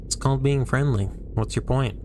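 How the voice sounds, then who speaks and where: A man's voice: medium pitch, moderate pace, mellow, soft background music, close to an everyday voice. A man voicing a sardonic, guarded male investigator in a fandub, speaking drily. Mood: dry. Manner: dry, sardonic. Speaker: stream host reading the lead.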